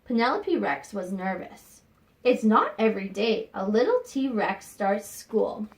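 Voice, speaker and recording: A woman teacher reading a picture book aloud to young students, expressive and pausing to think aloud with questions for them. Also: medium pitch, low-quality recording. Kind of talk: read-aloud lesson with questions to children.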